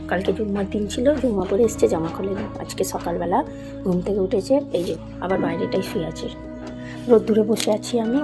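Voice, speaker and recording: Fast-talking woman with a tired voice. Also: medium pitch. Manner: chatty, talks softly to avoid waking the cat. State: tired from lack of sleep. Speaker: vlogger. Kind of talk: casual home vlog chat.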